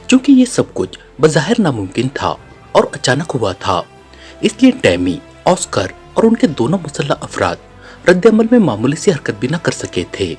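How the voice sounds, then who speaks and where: A man's voice: mid-range voice, darkish tone. A man narrating a spy novel as an audiobook, reading the story and voicing each character's lines himself.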